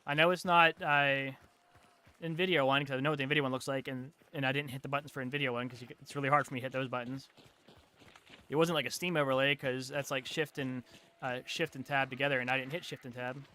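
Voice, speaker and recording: A young man streaming a game, ranting in frustration and swearing, with loud outbursts. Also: medium pitch, fairly even intonation, fast talker, clean tone. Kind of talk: live game stream commentary.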